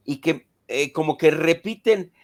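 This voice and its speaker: A man's voice: on the high side, unhurried. A man hosting a remote interview, reflective and hesitant, with frequent fillers. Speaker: host.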